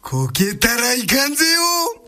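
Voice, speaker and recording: A woman's voice: high-pitched, wildly swooping pitch, a little slow, bright, forceful tone, full character voice. A woman voicing fretful old village men walking a night road, drawling and jumpy in a Tango Kyoto dialect, for a folk tale. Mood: alarmed. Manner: drawling, jumpy, cries out in alarm.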